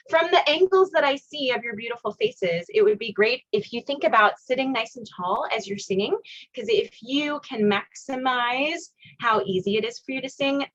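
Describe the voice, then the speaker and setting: A woman's voice: mid-range voice, fairly bright tone, muffled recording. A woman teaching an online ear-training class, cheerful and encouraging, singing solfege scales for her students to echo. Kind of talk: online music class, sung demonstrations. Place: video call class.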